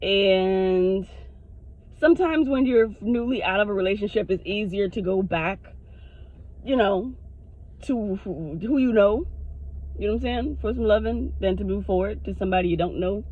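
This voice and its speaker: A woman's voice: medium pitch, moderate pace, narrow, tinny audio. A woman vlogger telling a candid storytime to her viewers, with frequent swearing. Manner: talks straight to the viewers. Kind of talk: casual storytime.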